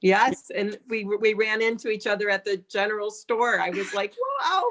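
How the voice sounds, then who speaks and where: Woman hosting a group call, chatty, welcoming, medium pitch. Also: normal speed, fairly bright tone. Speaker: call host. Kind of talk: casual group video call. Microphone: video call.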